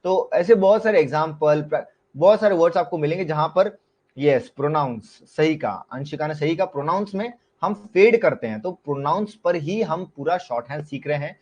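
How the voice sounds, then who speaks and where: A man with an Indian accent teaches a live online class, mixing Hindi with English terms and often stopping to quiz his students. His voice sits fairly high for a man. The sound is somewhat dull and lo-fi. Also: lively intonation, moderate pace, darkish tone. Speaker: shorthand teacher.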